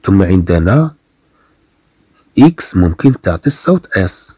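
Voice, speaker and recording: Moroccan guy teaching french, mellow husky voice, says every example twice slowly. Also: deep voice, big pitch swings, dry recording. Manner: patient, repeats each example word slowly. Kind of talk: language lesson explanation.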